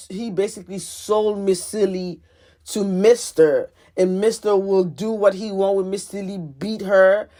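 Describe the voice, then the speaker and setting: This Haitian-accented woman, a spiritual teacher and life coach from Haiti, has a medium-pitched, slightly mellow voice. Her prophetic teaching monologue is earnest and repetitive, and she keeps restarting phrases.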